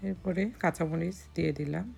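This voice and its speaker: Cooking vlogger, woman, low husky-hoarse voice, calm walk-through, soft music underneath. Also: a little fast. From Bangladesh. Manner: calm step-by-step instructions. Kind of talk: recipe voice-over narration.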